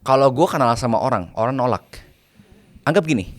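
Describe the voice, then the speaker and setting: A man's voice: medium pitch, animated, fairly quick. A man, a private banker, chatting casually as an interview guest, mixing in English phrases and laying out numbered tips.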